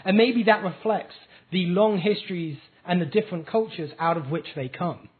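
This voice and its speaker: A man's voice: high-pitched, moderate pace, slightly rough. A man from the United Kingdom interviewing in an analytical, conversational way, summarizing as he goes. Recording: phone-like, muffled thin line.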